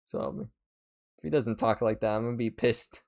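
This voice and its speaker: Excitable rambling male streamer. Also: mid-range voice, brisk, gravelly. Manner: excitable, swears, rambling restarts. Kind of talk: casual reaction stream chat.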